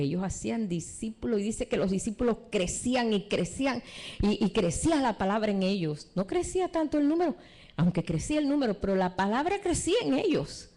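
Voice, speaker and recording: A woman teaching a church seminar live, preaching with rhetorical questions and retelling stories from her own life. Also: mid-range voice. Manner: animated preaching with rhetorical questions and retold anecdotes. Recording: live stream recording.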